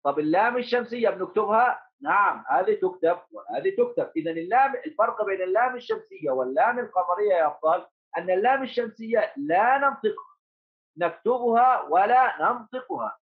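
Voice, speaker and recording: A man's voice: sits high, lively intonation, fast talker, phone-quality sound. A male primary school teacher giving a remote lesson to children, repeating key points and asking and answering his own questions. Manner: addresses pupils as heroes, coaxing.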